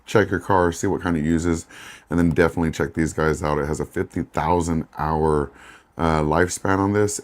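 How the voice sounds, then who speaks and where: Deep-voiced man reviewing tech. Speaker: product reviewer. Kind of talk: casual ASMR-style unboxing and tech review.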